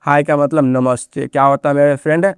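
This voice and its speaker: A man's voice: a little high, steady tone, a little fast, smooth, no room sound, studio quality. A man teaching English reading in Hindi, drilling each word with repeated questions and constant filler phrases. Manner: repetitive, drills words with rhetorical questions. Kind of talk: Hindi phonics lesson for beginners.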